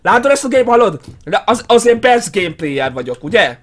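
A young man doing excitable let's play commentary as a gaming YouTuber, yelping, shrieking and laughing often. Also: high voice.

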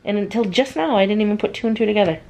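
A woman's voice: medium pitch, racing, creaky, a little mellow, slight background noise. A young woman vlogger telling a personal story in a casual, chatty way, full of "like" and "um.". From United States. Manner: chatty, lots of "like" and "um".

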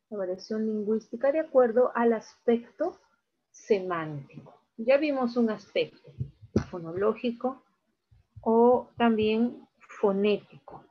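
Slow, husky woman teacher. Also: a little high, muffled recording. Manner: slow, explains step by step with frequent check-ins. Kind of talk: recorded class lecture.

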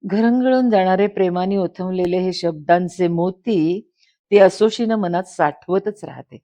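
A woman narrating a literary short story in a soft, lyrical, unhurried way. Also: fairly low pitch.

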